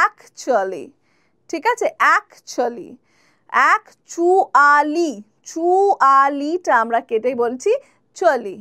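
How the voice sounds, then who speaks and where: A woman teaching spoken English, slowly modelling pronunciations and asking viewers to repeat after her. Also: high voice, fairly bright tone, no echo, studio quality. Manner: slow, drawn-out model pronunciations, then quick explanations; addresses viewers directly, asks them to repeat and comment.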